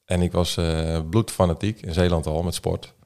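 Brief: Dutch man, very low voice, halting storyteller in a casual chat. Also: fairly even intonation, creaky, a little mellow. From Netherlands. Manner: hesitant, filler-heavy storytelling. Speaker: guest. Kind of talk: casual podcast conversation.

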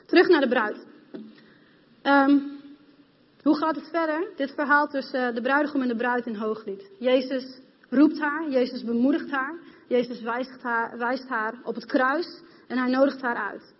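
A woman's voice: high-pitched, unhurried. Passionate woman preaching in a hall. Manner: passionate, addresses congregation directly. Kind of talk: sermon. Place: church hall. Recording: dull, reverberant hall sound.

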